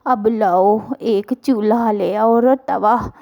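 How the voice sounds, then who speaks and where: A woman doing a slow, crafty old mother. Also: medium pitch, mellow. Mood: knowing.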